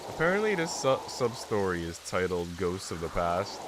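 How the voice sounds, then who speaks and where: This live streamer has a deep voice with big pitch swings and speaks at normal speed over background noise. Sick and congested, he plays a visual novel, reading narration aloud one moment and drifting into informal, slangy, rambling chat the next.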